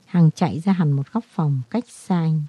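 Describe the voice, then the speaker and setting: Low-voiced woman narrating a novel. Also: normal speed, mellow, husky, dry recording. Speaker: audiobook narrator. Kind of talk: scripted narration of a romance novel. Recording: dull, dry lo-fi recording.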